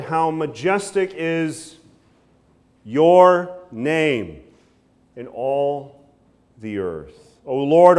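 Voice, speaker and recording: A pastor in his thirties preaches at a wooden pulpit in a church sanctuary, with a slightly high voice. His pitch swings widely as he gestures and drops to low endings on key phrases, often checking in with "right?". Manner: animated preaching with frequent "right?" asides and hand gestures. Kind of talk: sermon.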